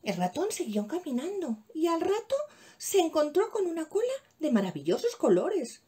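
A woman from telling a children's story as a preschool teacher, reading expressively and playfully with hushed asides to the children. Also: sits high, sing-song, moderate pace.

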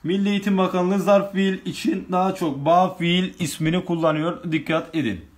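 A man's voice: sits high, steady tone, normal speed. A male teacher running an online grammar lesson, reading exam questions aloud and working through each answer step by step with his students.

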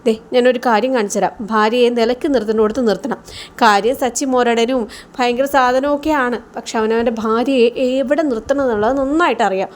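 Scolding middle-aged mother, high and quick, put on by a woman narrator. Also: steady tone, lightly acted. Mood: scornful. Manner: scolding, exasperated.

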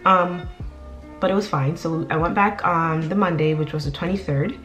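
A young woman talks to her camera in a loose, chatty way, often pausing on an um and restarting her sentences. Her voice sits a little low. Soft music plays faintly underneath. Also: fairly even intonation. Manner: chatty, many ums and restarts. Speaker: vlogger. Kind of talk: casual vlog chat. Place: indoors at home.

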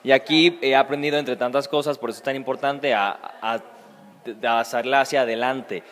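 A young man with a Venezuelan accent talks earnestly about his acting studies. His pitch sits in a middle range and he speaks with lively animation. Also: normal speed. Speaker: acting student. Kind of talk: casual interview answers.

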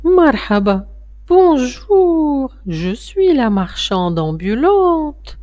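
A woman voicing a scheming old ogress disguised as a peddler woman, who sweet-talks and then gloats in slow, drawn-out words. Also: high voice, big pitch swings, warm tone, dry recording, highs cut off, pitched above the performer's own voice, full character voice. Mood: sweet-talking.

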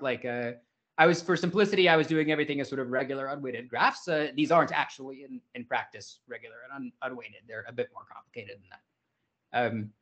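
A man with a slightly high voice delivers a theory seminar in an informal, thinking-aloud way. He hedges with "sort of" and corrects himself mid-sentence as he explains. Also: fairly bright tone. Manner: informal, hedging with "sort of" and restarts. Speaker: invited speaker. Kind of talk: academic seminar lecture.

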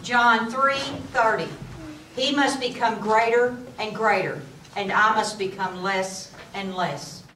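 A woman playing a gentle, grateful relative in an amateur church play. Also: a little high, steady tone, takes it slowly. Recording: noisy roomy hall, mic far off.

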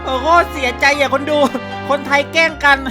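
A man giving playful, excitable gameplay commentary, laughing often and using crude slang. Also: extremely high pitch, moderate pace. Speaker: gaming YouTuber. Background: background music.

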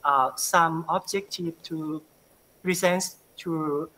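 Thai-accented man with a bright, forceful voice. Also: on the high side, steady tone, a little hiss or hum, poor audio. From northeastern Thailand. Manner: halting, repeats words while searching for them. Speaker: university lecturer presenting research. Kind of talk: conference presentation and Q&A answers. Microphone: video call webcam.

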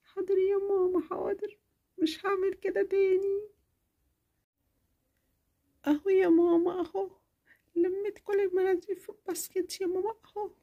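A woman voicing a sick, eager little girl in a children's cartoon, talking in a soft, whiny, pleading way with an Egyptian accent. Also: very high-pitched, flat delivery, moderate pace, pauses often, highs cut off. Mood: sheepish. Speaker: cartoon character.

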